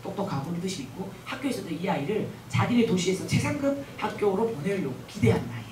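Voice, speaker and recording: A woman speaking as a guest missionary at a church revival meeting. She talks in an animated way and keeps asking the audience questions. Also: mid-range voice, fast talker, a little hiss or hum. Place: large church hall. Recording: echoey hall, mic at a distance.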